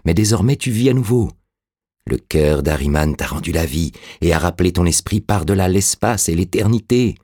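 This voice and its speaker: A man's voice: deep voice, animated, normal speed, warm tone, slightly rough, dry recording, clean studio sound. A man voicing an intense, commanding male sorcerer-priest who speaks in urgent, insistent exclamations in an audiobook reading. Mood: fervent.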